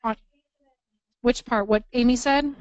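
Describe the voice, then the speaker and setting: Woman co-facilitator, higher voice, brisk and informal, dry close sound. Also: steady tone, smooth, dry recording, rough recording. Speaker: workshop co-facilitator relaying online questions. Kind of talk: relaying questions in a live workshop. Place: training room.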